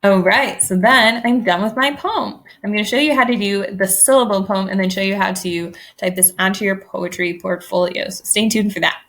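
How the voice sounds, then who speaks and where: Creaky-voiced woman teaching a poetry lesson. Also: mid-range voice, normal speed, few pauses, fairly bright tone. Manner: friendly, thinking aloud while typing. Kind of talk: online classroom lesson.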